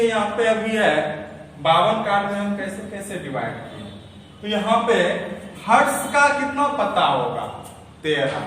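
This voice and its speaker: Explaining step by step, a man teaches a classroom lesson, posing questions and answering them himself. His voice sits high with a fairly bright tone. He is recorded from far off in an echoey room, with slight background noise.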